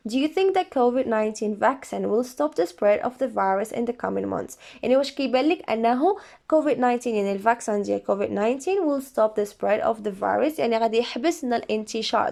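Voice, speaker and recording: A young woman with a Moroccan Arabic accent, correcting an English exam. She reads each English sentence slowly, then explains and translates it. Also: a little high, creaky, darkish tone. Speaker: English teacher.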